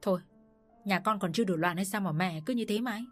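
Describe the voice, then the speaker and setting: A woman voicing a tired young husband who tries to calm his mother and wife, in a storybook reading. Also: medium pitch, fast talker, soft background music, lightly acted. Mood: weary. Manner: tired and placating. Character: weary young husband caught in middle.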